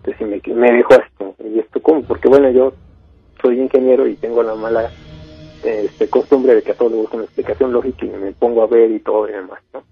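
A man calls into a radio show, recounting his experience hesitantly and with plenty of thought. His voice is gravelly and husky. He comes through a tinny phone line with faint music behind. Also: mid-range voice, steady tone, fast talker. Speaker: caller, engineer.

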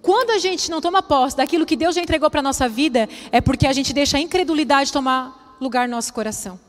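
A woman's voice: high-pitched, fast. A middle-aged woman, preaching a chatty, humorous sermon to women and acting out quotes. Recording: long hall reverb.

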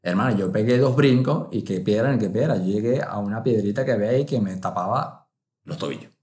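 A man, telling a comic travel story in a lively way, full of sound effects and acted-out inner voices. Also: on the low side, fairly quick, echoey room. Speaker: travel vlogger.

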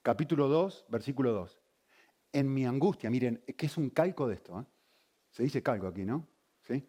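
Lively, questioning preacher man. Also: mid-range voice, moderate pace, husky. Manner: engaging, asks the congregation many questions. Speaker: pastor. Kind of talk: sermon.

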